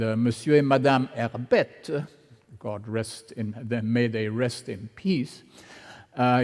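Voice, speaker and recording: Older male art historian, slow deliberate lecturing with wry asides, mid-pitched voice, long lecture-hall reverb. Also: darkish tone. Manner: unhurried, anecdotal, with wry asides. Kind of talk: public lecture.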